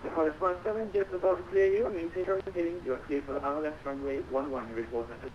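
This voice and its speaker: A man's voice: fairly high pitch, fairly even intonation, quick pace. A man working as an air traffic controller, giving procedural radio instructions with numbers read digit by digit. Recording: dull, lo-fi sound with faint noise.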